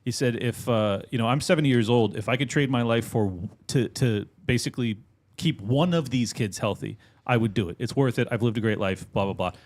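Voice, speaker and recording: A man co-hosting a political livestream in casual chat, jumping in with quick slangy remarks. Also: mid-range voice.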